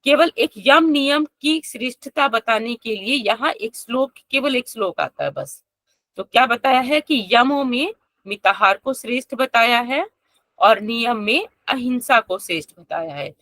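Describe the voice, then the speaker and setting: Woman yoga teacher, online class lecture, chants verses slowly, bright voice. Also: a little high, lively intonation, no room sound. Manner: explains step by step, asks students questions.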